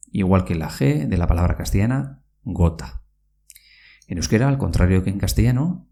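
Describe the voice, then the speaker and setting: A man teaches pronunciation in a podcast, talking slowly and carefully. He spells words out letter by letter and repeats each example. His voice is dark and mellow, with a gravelly rasp. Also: on the low side. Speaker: Basque language teacher.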